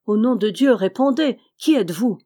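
A woman's voice: on the high side, lively intonation, moderate pace, dark tone. A woman reading the lines of a loyal, burly male squire in a storybook, her delivery raised and urgent.

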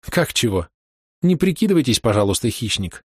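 A man voicing an excitable, passionate middle-aged woman who scolds and pleads with reproach. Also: medium pitch, normal speed, breathy edge, no room sound, clean studio sound, pitched above the performer's own voice. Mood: scolding.

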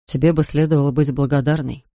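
A narrator voicing a grieving father who talks softly, slowly and tenderly to his daughter. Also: steady tone, no echo, studio quality, close to an everyday voice. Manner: soft, low and slow, pleading. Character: grieving gentle father, a big man. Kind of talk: audiobook character voice.

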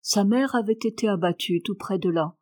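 Here a woman voices a talkative, stubborn young housemaid in a storybook, delivering the audiobook lines in a plain, matter-of-fact way. She speaks at normal speed in a mid-range, slightly mellow, natural voice.

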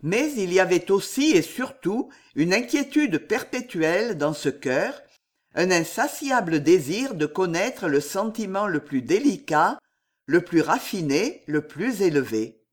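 A narrator reading a historical novel aloud in measured, expressive phrasing. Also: medium pitch. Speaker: audiobook narrator. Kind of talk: literary audiobook narration.

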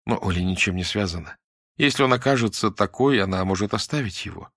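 A man's voice: lowish voice, lively intonation, quick pace, a bit bright, dry recording, clean studio sound. A man reading an audiobook, voicing a bookish young woman who lectures earnestly. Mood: indignant.

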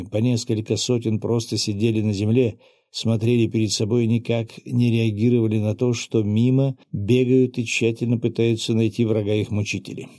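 Male audiobook narrator, dark and low, even first-person reading. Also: no room sound, clean studio sound. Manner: steady, even storytelling.

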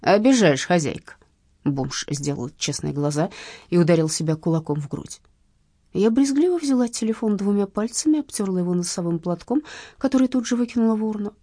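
Husky-voiced woman narrating an audiobook. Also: medium pitch, brisk, no room sound, clean studio sound. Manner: lively, expressive reading. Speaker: audiobook reader. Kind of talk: first-person audiobook narration.

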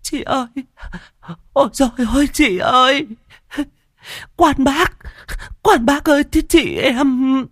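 A grieving sister keens in a shrill, far-up falsetto, sobbing out her lament, as a man puts her on. Her voice climbs high above the storyteller's own low register and cracks with grief. The sound is close and dry. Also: slow, pauses often, a bit bright, no echo, exaggerated voice. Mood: wailing grief. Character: wailing grieving younger sister, woman.

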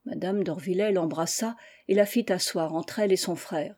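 A woman reading a classic children's novel aloud in calm, even storytelling. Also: on the low side, normal speed. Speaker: audiobook reader.

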